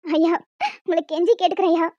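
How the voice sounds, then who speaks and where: A woman's voice: extremely high pitch, level tone, a little fast, dark tone, dry recording. A performer voicing a desperate, poor mother who cleans at a school, in a cartoon. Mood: pleading. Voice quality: pleading, then scolding shrilly. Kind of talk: cartoon voice acting. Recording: dull lo-fi dry recording.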